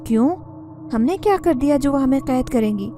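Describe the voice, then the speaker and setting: A woman's voice: high voice, animated, fairly quick, background noise, voice pushed up. A woman voicing a cheeky young brother. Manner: whispering, cheeky.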